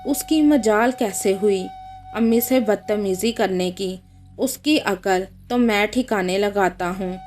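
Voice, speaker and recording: A woman's voice: mid-range voice, slow, darkish tone, faint music behind, lightly acted. A woman voicing a young husband and protective son in a read-aloud story, speaking plainly and directly.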